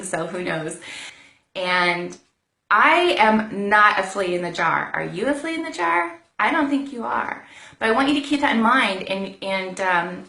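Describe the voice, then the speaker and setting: A woman's voice: medium pitch, sharp tone. A woman giving a casual motivational talk on a live stream, chatty and repeating herself as she goes. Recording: roomy echo.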